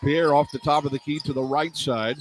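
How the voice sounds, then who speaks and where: A higher-pitched man calls a live basketball game for radio inside an arena, keeping up a stream of brief, clipped phrases on the action. His tone stays steady and his pace fairly quick, with background noise throughout the live broadcast.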